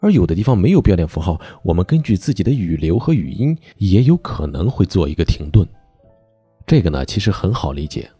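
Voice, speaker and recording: Low, husky male voice coach. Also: sing-song, fairly quick, dark tone, no echo, faint music behind. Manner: explanatory, stresses key words with sudden pitch jumps. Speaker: voice training teacher. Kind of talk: recorded online lesson.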